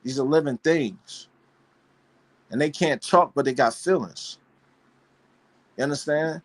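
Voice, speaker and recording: A man with a somewhat high voice hosts a live panel show in a casual, fervent style. He sounds preachy and keeps asking rhetorical questions. He repeats his phrases over and over. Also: measured pace. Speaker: dog breeder hosting a live panel show. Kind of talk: casual passionate monologue.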